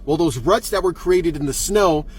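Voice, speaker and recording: A man telling a wild driving story as a vlogger, excitable and profane, acting out scenes with sound effects. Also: a little high, moderate pace, husky. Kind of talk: animated storytelling.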